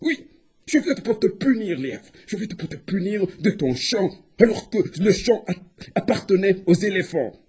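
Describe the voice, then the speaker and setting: A man's voice: high-pitched, very animated, normal speed, darkish tone, full character voice. A man playing a greedy, menacing hyena. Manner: gruff threats, greedy smacking.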